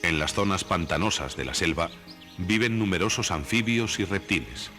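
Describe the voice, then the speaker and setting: Low deep male voice doing nature documentary narration, measured and teacherly, music playing behind. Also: animated, fairly bright tone. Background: background music.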